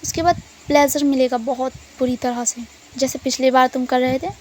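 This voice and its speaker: A woman voicing an adoring, teasing young man in love, speaking low and coaxing in her own high voice. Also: little pitch movement, moderate pace, darkish tone, a little hiss or hum, lightly acted. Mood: intimate, teasing.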